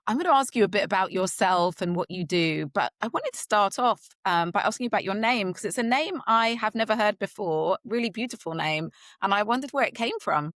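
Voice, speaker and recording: A woman's voice: medium pitch, animated, brisk, hardly any pauses, no room sound. A woman hosting a podcast interview, rambling a little with many fillers. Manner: warm, rambling, frequent fillers. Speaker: podcast host.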